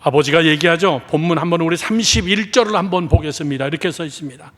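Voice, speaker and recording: A man preaching a sermon as pastor, dramatic, swinging between loud exclamations and hushed whispers and leading the congregation in call and response. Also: a little high, fast talker, in a large hall. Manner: acts out quoted speech of biblical characters. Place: church sanctuary.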